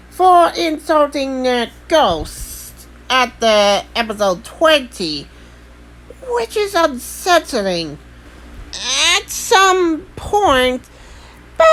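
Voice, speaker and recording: A woman's voice: a little high, fairly bright tone, slight background noise, low-quality recording. A woman chatting as a co-commentator, hesitant and searching for her words. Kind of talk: casual commentary chat.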